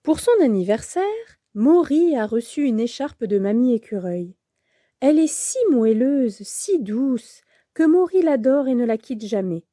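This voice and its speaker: Slow, gentle woman reading a children's story. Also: a little high, expressive, dry recording, studio quality.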